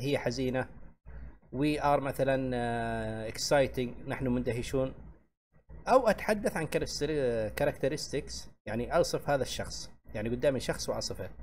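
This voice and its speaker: This grammar lesson comes from a man with a darkish, medium-pitched voice, teaching English through Arabic over a faint hiss or hum. He says "tamam?" often, goes over each point slowly, and reads English examples at a slow pace before giving the translation.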